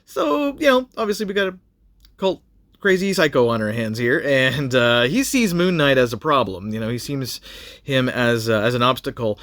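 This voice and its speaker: A man's voice: mid-range voice, big pitch swings, moderate pace, a bit bright, dry recording, studio quality. A man giving a casual spoken review of a TV episode, rambling with many fillers and restarts.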